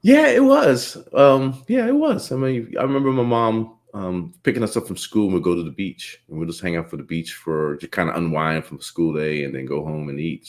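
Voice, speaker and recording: A man from the Bahamas hosting a casual interview, talking in a relaxed, rambling way and laughing often. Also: low-pitched. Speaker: podcast host.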